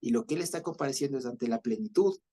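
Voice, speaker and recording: Husky Ecuadorian preacher, explaining patiently. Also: male voice, mid-range voice, fast, warm tone. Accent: Ecuadorian Spanish. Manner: explanatory, repeats himself with many fillers and checks for understanding. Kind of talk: bible study teaching.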